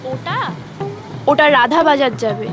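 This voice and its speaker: A woman's voice: high-pitched, unhurried, music in the background. Curt city woman. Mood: impatient. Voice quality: curt and impatient. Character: brisk, dismissive young city woman. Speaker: city woman waiting for a car. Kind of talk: comic film acting.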